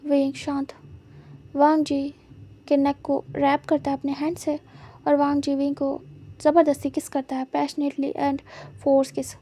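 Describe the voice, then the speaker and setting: A woman narrating a fan fiction story in a plain, steady retelling, dropping English words into her sentences. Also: high voice, a little slow.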